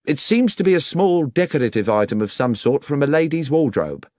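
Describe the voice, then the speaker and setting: A man's voice: fairly high pitch, sing-song, fairly quick, darkish tone, no echo, studio quality, voice pushed up. A man voicing an eager, baffled police inspector who speaks respectfully.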